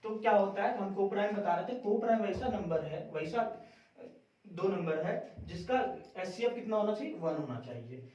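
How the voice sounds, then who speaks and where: A man's voice: sits high, animated, normal speed, dark tone. Echoey man teaching math. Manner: repeats questions and answers them himself. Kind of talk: classroom math lesson. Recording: very echoey room, distant mic, dull sound.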